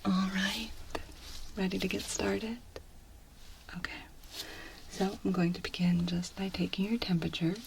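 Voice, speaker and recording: A woman in a whispered role-play, speaking as a gentle clinic examiner in a soft, reassuring, step-by-step manner. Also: mid-range voice, flat delivery, unhurried, vocal fry, long pauses, background noise. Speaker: ASMR performer playing a clinician.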